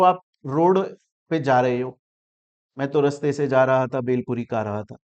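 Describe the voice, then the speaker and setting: A man giving a law lecture in Hindi and English. He poses questions and answers them himself, and he acts out what students ask. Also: mid-range voice. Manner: animated, asks and answers his own questions. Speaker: law teacher. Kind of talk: classroom lecture.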